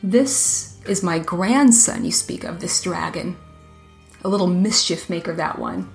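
A woman voicing a gentle, cunning old grandmother in a storybook reading, speaking in a knowing, kindly way. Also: fairly low pitch, measured pace, gravelly, faint music behind.

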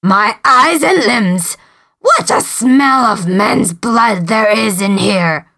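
A woman putting on a slow booming giant. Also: animated, vocal fry, pushed and bright, full character voice. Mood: gruff. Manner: slow, booming, drawn-out words. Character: gruff slow-talking male giant.

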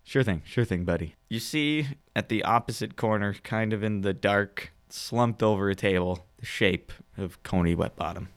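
A man acting as game master, narrating a tabletop role-play game in a relaxed, wry way. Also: fairly low pitch, normal speed, few pauses, dry recording.

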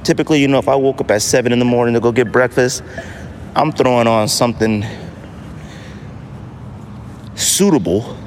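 Traffic, banging and general street noise surround a fast-talking American man with a medium-pitched voice. He's a podcast host doing a casual solo monologue outdoors on a city street, repeating phrases for emphasis.

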